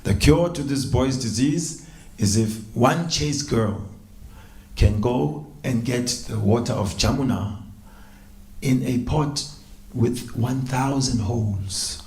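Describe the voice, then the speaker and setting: Brief: spiritual teacher, animated storytelling sermon, gravelly voice, echoey room. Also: male voice, medium pitch, slow. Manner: animated, acts out characters.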